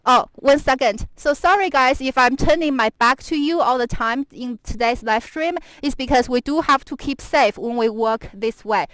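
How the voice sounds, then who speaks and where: A woman with a fairly high, dry-sounding voice hosts a live stream as she walks outdoors in the snow. She chats in a giggly, talkative way and drifts between English and Mandarin as she addresses her viewers. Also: moderate pace, few pauses, a bit bright, no echo, low-quality recording. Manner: chatty and giggly, laughing often. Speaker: live stream host and guide on a walk. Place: outdoors on a snowy stretch of the Great Wall, walking. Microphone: handheld camera follows her while she walks.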